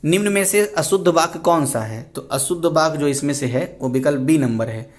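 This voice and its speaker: Hindi exam tutor, a man with a high-set voice. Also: normal speed. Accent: Hindi, Indian. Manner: explains step by step, repeats words. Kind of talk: explaining test answers.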